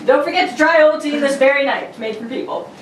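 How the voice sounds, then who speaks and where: A woman announcer with a high-pitched voice talks fast, giving an amateur, theatrical, playful reading of 1940s radio serial narration and a sponsor ad. She is far from the mic, so the sound is roomy and off-mic, with faint noise.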